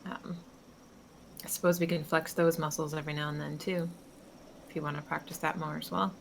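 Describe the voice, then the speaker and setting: A woman calmly playing her character in a tabletop role-playing game, with a dry manner. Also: low-pitched, fairly quick, gravelly, a little hiss or hum, poor audio. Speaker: player.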